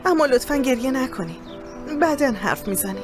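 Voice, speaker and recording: A man's voice: very high-pitched, expressive. A dub actor voicing a level-headed young man who scolds his friend in a Persian dub of a Turkish drama. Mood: reproachful. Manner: reasoning, reproachful. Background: music.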